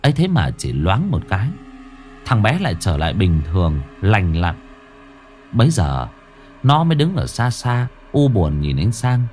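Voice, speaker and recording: A man's voice: on the low side, huge pitch swings, measured pace, a little mellow. Man narrating a ghost story expressively. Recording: faint music behind.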